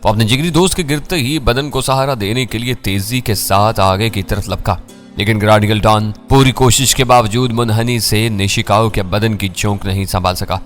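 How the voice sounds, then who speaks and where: A man reading a first-person thriller story in a measured, dramatic way. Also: lowish voice, a bit bright, faint music behind.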